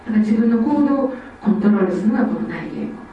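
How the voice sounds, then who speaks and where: A woman from Osaka, giving a lively lecture on child development. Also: a little high, fast talker, lo-fi sound, a little hiss or hum. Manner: lively, acts out children's speech. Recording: echoey hall, distant mic, faint ambience.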